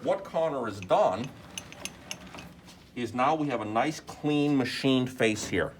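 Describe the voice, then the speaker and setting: Experienced machinist explaining, low male voice, noisy shop. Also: animated, slow. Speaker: machining instructor. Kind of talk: hands-on step-by-step shop demonstration. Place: workshop beside a lathe. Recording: clear shop background noise.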